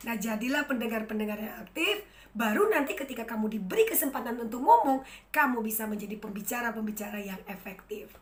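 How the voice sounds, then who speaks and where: A woman in her thirties, a university lecturer, giving a chatty, lively lecture straight to the camera in an empty room. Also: fairly high pitch, fast talker, reverberant. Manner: lively, chatty, addresses students directly. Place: room without an audience.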